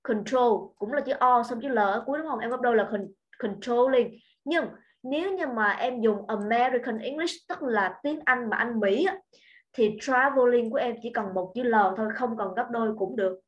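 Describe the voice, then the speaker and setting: A female English teacher runs an online grammar class, explaining patiently and checking in with the students again and again. Her voice sits somewhat high. The sound is dull and lo-fi, as from a computer mic. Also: normal speed. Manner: patient, repeats points and checks understanding.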